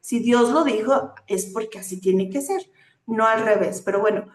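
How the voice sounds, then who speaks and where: In an echoey room, a woman preaches a sermon, teaching earnestly with rhetorical questions and frequent hesitant fillers between phrases. Her voice is on the high side and her pace moderate.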